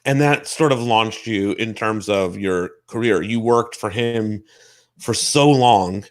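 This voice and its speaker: A man's voice: lowish voice, slow pace. A man hosting a casual interview, enthusiastic and swearing freely as he talks. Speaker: talk show host.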